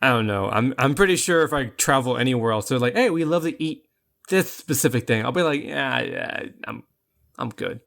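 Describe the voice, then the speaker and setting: A man's voice: medium pitch, expressive, normal speed, vocal fry, fairly bright tone. A young man co-hosting a podcast, chatting casually and telling rambling jokey stories full of restarts. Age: young adult. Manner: rambling, joking storyteller with many restarts. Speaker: podcast co-host. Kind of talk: casual chat.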